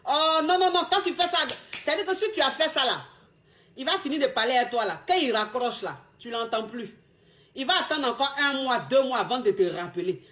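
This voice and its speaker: High-voiced woman coach. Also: sing-song, fairly quick, a bit bright. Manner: emphatic, repetitive street-slang delivery. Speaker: relationship coach. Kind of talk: casual advice monologue.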